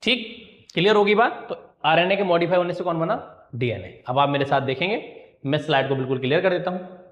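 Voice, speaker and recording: A man's voice: fairly high pitch, fairly quick, lo-fi sound. A man teaching a biology class, asking questions and answering them himself, repeating key terms and checking that students follow. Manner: calls students "beta", checks they understood. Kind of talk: classroom lecture at a slide board.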